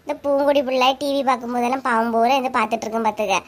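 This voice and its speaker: A soft-spoken older village auntie, as a woman puts her on for a cartoon, with a Kanyakumari lilt and a high voice dropped lower. She sounds homely and unhurried. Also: steady tone, close to an everyday voice. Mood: calm, homely. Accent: Kanyakumari Tamil. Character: older village woman Rani, gentle and practical. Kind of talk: cartoon voice acting.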